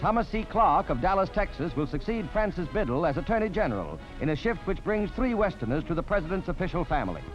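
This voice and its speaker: A man's voice: high-pitched, very animated, quick pace, hardly any pauses. A man narrating an old 1940s newsreel in an emphatic, declamatory announcer style. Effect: old 1940s newsreel soundtrack. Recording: dull lo-fi old film soundtrack with music. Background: music score.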